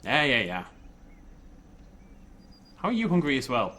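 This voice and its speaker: A man's voice: mid-range voice, wildly swooping pitch, measured pace, sharp tone, slight background noise. A man giving casual, informal game commentary, thinking aloud and playfully talking to the game. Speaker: gaming video host.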